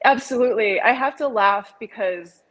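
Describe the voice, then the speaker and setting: A woman yoga instructor explaining poses in an unhurried podcast chat, with many pauses and fillers. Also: on the high side, poor audio. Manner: unhurried, many ums and uhs, explains pose names carefully. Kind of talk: podcast conversation.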